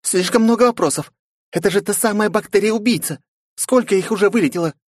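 A man's voice: high voice, fairly quick, dry recording, voice pushed up. Audiobook figure: a scolding, sarcastic young woman, read by a man. Dry studio sound. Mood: alarmed. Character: sharp-tongued young woman sidekick, exasperated. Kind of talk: audiobook character voice.

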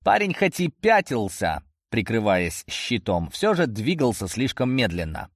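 A man's voice: mid-range voice, very animated, measured pace, dry recording, clean studio sound. A man narrating a first-person fantasy audiobook in a tense, action-driven way.

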